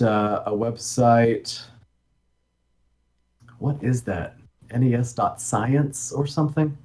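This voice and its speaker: A man answering interview questions as a game developer, talking in a relaxed, rambling way with many ums and asides. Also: fairly low pitch. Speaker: guest, NES homebrew game developer.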